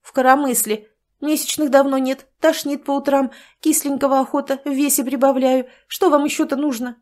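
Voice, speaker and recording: A tearful, easily offended village woman of about fifty, as a woman reader puts her on. She talks in a raised, pleading voice that wavers on the edge of crying. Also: moderate pace. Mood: plaintive. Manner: plaintive, high and pleading.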